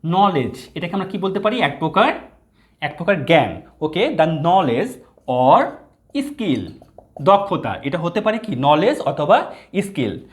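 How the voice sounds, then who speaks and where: Male English tutor, somewhat high voice, quizzes and answers himself. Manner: explains in Bengali, reads English phrases slowly word by word; asks questions and answers them himself. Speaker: English teacher. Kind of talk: exam-prep lesson.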